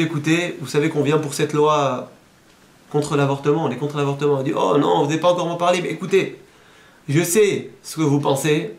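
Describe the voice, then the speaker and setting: A man, a rabbi, giving a sermon and telling a story with lively, animated delivery. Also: roomy sound. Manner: animated storyteller, voices quoted speakers, rises high at emotional peaks.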